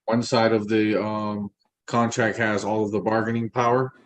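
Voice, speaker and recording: A middle-aged man with a fairly low voice in a casual discussion. He talks colloquially, with street slang, often repeating a phrase while he builds an example. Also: level tone. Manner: halting, repeats words, explains with examples.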